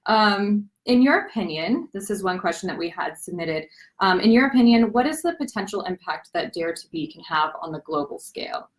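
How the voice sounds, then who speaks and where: Brisk and lively in intonation, a young woman with a mid-range voice interviews someone on a live online show. Her tone is friendly, full of affirmations, and her questions wind on through several parts.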